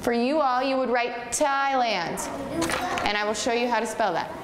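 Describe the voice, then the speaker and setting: Her voice is a little high and her speed normal as this American woman in her twenties teaches English to young kids by the whiteboard. Patient and encouraging, she praises them often. The recording, from a far camera, has an echoey room sound with long reverb and noise.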